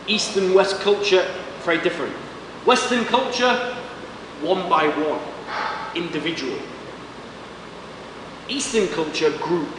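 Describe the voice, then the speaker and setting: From a distant mic in an echoey, hissy classroom comes a fairly high male voice with a Manchester accent. The Englishman is lecturing on English, speaking simply and in short sentences while quizzing the class.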